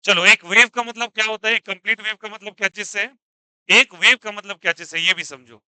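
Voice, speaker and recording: A male physics teacher with a fairly high, very bright and crisp voice, recorded close and dry. He lectures in a mix of Hindi and English, firing questions at his students and supplying the answers himself. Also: a little fast, dry recording. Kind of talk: classroom lecture.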